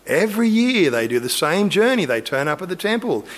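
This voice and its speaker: A man's voice: high-pitched, very animated, brisk. A man preaching a conversational sermon, earnest, acting out quotes and imagined lines. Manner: earnest, acts out biblical quotes and imagined dialogue.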